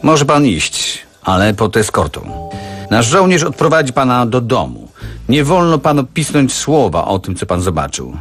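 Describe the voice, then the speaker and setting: Brief: male reader voicing a stern masked interrogator in an audiobook, husky, lively pitch, commanding. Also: faint music behind, full character voice. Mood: menacing. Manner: slow, hollow, commanding.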